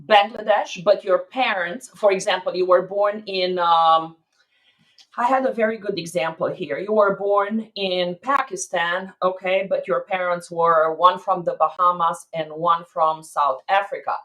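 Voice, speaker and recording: A woman's voice: fairly low pitch, steady tone, measured pace, fairly bright tone, poor audio. A woman immigration attorney answering viewers' questions on a live stream, explaining step by step and checking in with "okay?".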